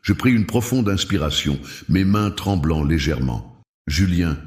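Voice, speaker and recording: A man narrating a dramatic first-person story in a measured, solemn way. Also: low voice, animated. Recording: roomy echo.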